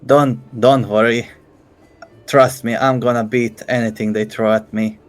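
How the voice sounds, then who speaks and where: A man's voice: medium pitch, little pitch movement, unhurried, soft background music, lightly acted. A man voicing a confident young male arena fighter with a cocky manner.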